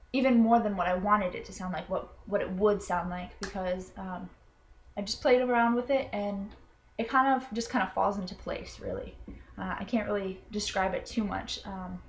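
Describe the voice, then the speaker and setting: A young adult woman, a college student from Florida, speaks in a medium-pitched voice against slight background noise. She's earnest yet self-conscious, hesitantly explaining something in a personal explanatory video and often restarting or saying um.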